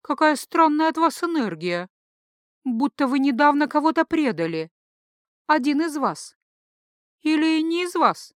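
A woman's voice: high-pitched, sing-song, a little slow, pauses often, no room sound, clean studio sound, pitched above the performer's own voice. A woman reading a mad blind priestess in an audiobook, a flirtatious, erratic woman who swings between coy teasing and shrieked prophecy. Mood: coy, dreamy.

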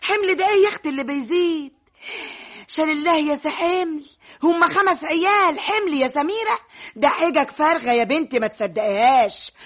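A woman's voice: high-pitched, a bit bright. An actress with an Egyptian accent playing a meddling, scornful older mother lecturing her daughter in a classic radio play. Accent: Egyptian Arabic.

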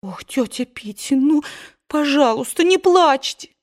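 A woman's voice: sits high, animated, unhurried, voice pushed up. A woman voicing a wilful young widow who pleads and sobs, in an audiobook. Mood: pleading. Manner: pleading, sobbing, petulant.

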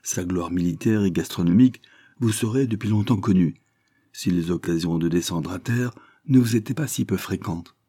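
A man voicing a boastful, witty male French army captain who answers with quick, proud retorts, in a husky voice. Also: deep voice, warm tone, no room sound, clean studio sound.

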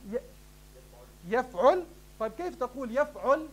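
Very high-voiced fast-talking sheikh. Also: male voice, muffled recording, slight background noise. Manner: poses questions to students and answers them himself; addresses the class warmly as "beloved ones". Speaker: sheikh teaching Arabic morphology. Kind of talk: classroom lecture.

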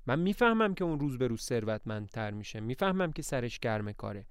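A man's voice: mid-range voice, sing-song, clear, resonant tone, dry recording, clean studio sound, natural voice. A man reading aloud voices an earnest, tense young woman who runs the household.

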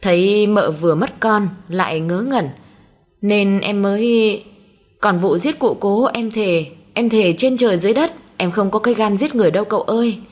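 A woman's voice: mid-range voice, moderate pace, a little mellow, faint music behind, lightly acted. A woman doing a terrified servant boy. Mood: pleading. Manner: pleading, trembling. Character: frightened young male servant begging.

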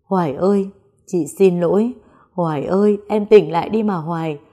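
A remorseful elder sister pleading through tears, as a woman narrator plays her. The voice is low and warm, imploring, read in a storybook style. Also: normal speed, natural voice. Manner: tearful pleading.

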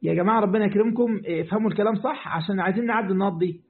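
This man, a sheikh with an Egyptian Arabic accent, teaches Quran commentary in rapid-fire speech with a high voice. He talks directly to his listeners, repeats his points, and answers their questions, and the audio sounds tinny and phone-like.

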